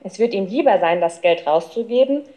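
A determined boy detective lays out his plan in earnest, as a woman reading an audiobook puts him on. The tone is mellow and soft, and the pitch moves a lot. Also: lively intonation, a little fast, close to an everyday voice.

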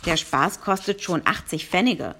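A woman's voice: lowish voice, lively intonation, normal speed, gravelly, noisy background. A woman reading aloud and voicing a clever, earnest boy who leads the group in a slightly prim manner. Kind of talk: reading a children's novel aloud.

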